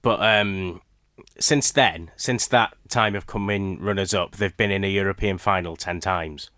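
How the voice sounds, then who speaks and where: A man co-presenting a sports radio show, talking football history in a relaxed way with filler words. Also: deep voice, a little slow, no room sound, studio quality. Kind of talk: casual radio chat.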